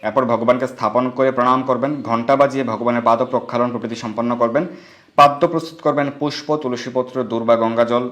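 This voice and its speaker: A man's voice: medium pitch, steady tone, quick pace, a bit bright. A man explaining devotional ritual steps in a formal, methodical way, as a religious instructor. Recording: echoey room.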